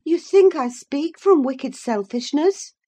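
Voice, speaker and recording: A fierce young married woman of a classic novel, played by a woman narrator, speaks in a high, forceful voice. She declaims with scorn and command, swooping on her emphatic words. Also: expressive, slow. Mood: indignant, curt.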